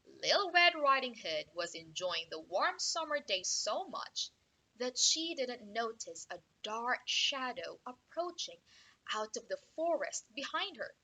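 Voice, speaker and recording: An English tutor telling a fairy tale to learners, slowly and expressively. Her voice is high and bright, and her pitch swoops a lot. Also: rough recording. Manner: slow, clear and expressive.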